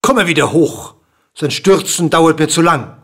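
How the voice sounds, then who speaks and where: A man reading aloud and voicing a demanding, impatient king who calls out his orders loudly. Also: fairly high pitch, measured pace, slightly rough, exaggerated voice.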